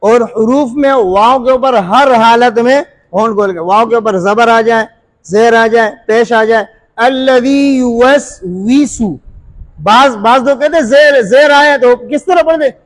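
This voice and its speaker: A man teaching Quran recitation in a classroom lesson, quizzing his listeners and sounding out letters slowly and repeatedly. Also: very high-pitched.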